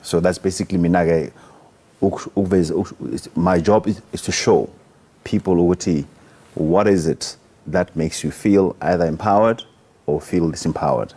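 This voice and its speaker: A South African man speaking as an interview guest and coach, explaining conversationally in a halting way. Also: low-pitched, mellow, breathy edge. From Free State, South Africa. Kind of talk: conversational explaining, switching languages.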